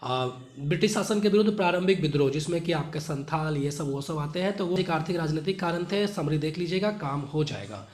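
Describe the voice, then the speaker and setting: A man's voice: on the high side, animated, fairly quick, hardly any pauses, a little mellow, reverberant. A man teaching exam students which chapters to study, repeating points and checking in with short tag questions. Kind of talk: study guidance lesson.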